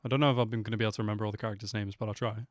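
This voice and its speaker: This reaction video host, a man in his twenties, races through casual commentary into a close desk microphone in a fairly low, steady voice. Game trailer music plays in the background, and there is no room sound.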